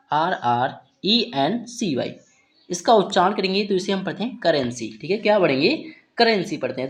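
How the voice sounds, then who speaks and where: A woman with a low, slightly mellow voice teaches an English vocabulary lesson. She spells each word letter by letter and checks in with a repeated "okay" after every point.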